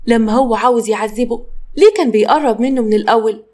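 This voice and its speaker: A woman's voice: fairly high pitch, fast, darkish tone, close to an everyday voice. A woman voicing a heartbroken young woman with an Egyptian accent, hurt and emotional. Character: heartbroken young woman, the narrator's own self.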